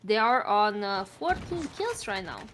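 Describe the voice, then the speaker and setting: A woman's voice: mid-range voice, big pitch swings, measured pace, fairly bright tone, slight background noise. A woman giving color commentary on an esports match, recovering from illness and talking in a chatty way full of fillers. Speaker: esports co-caster.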